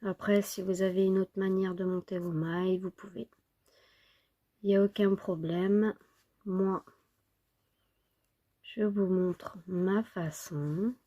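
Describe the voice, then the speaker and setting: Slow, mellow woman, slightly sick. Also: medium pitch, fairly even intonation. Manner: unhurried, counting and repeating steps. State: slightly sick, under the weather with a cough. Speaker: knitting tutorial host. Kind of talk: informal step-by-step craft tutorial.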